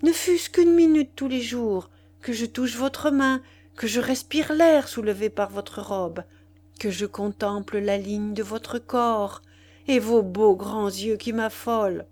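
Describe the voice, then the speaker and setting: A woman's voice: on the high side, slow pace, darkish tone. A woman reading an ardent young lover pleading. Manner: urgent, insistent pleading.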